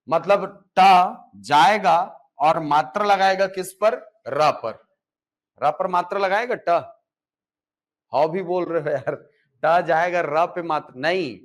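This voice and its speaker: Man, Chhattisgarhi-accented Hindi teacher, live class lecture, fairly high voice, slow and deliberate. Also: a bit bright. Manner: explains step by step, asks and answers his own questions.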